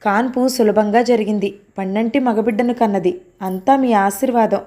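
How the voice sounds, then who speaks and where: A woman's voice: medium pitch, moderate pace, dark tone, natural voice. A woman voicing a humble middle-aged male temple security guard who speaks in an imploring way, in an audio story. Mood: pleading.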